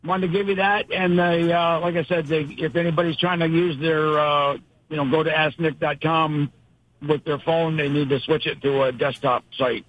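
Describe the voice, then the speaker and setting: A man's voice: a little high, steady tone, moderate pace, no room sound. A man calling in to a radio show by phone, rambling along with frequent restarts. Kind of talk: casual call-in chat by phone. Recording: dull, dry phone line.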